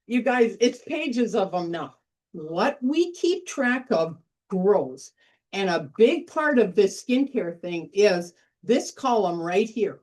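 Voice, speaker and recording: A woman's voice: a little high, darkish tone. A middle-aged woman hosting an informal sales workshop, telling stories in a chatty way and repeating phrases for emphasis. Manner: chatty, storytelling, emphatic repetition. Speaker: workshop host.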